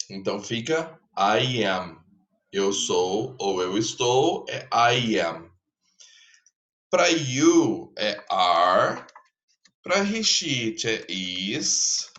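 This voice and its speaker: A Brazilian man teaches an English grammar lesson in a recorded online class, explaining slowly and patiently and checking in with students with frequent "tá?". His voice is lowish, pushed and bright.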